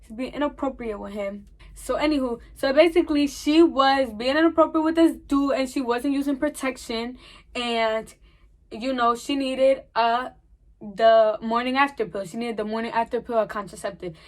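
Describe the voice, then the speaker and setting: A young woman tells a storytime vlog, with a high-pitched voice. She acts out the dialogue as she goes and keeps the telling animated. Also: normal speed. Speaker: vlogger.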